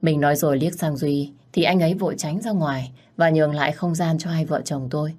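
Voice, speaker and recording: A woman narrating a first-person love story in a gentle, emotional reading voice. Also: deep voice, steady tone, fairly quick.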